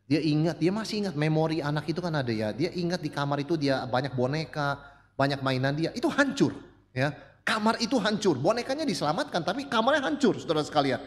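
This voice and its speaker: A male pastor preaching a sermon, telling stories and shifting between loud, high emphasis and soft, low asides as he addresses the congregation. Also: lively intonation, quick pace. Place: church sanctuary. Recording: long church reverb.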